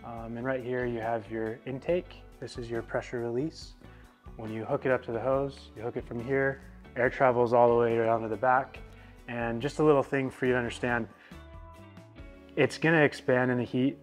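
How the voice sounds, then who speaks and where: Young man, casual how-to host, relaxed explainer, garage setting, faint music behind. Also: mid-range voice, moderate pace. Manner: relaxed, explanatory, many fillers. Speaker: product installer. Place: indoor garage.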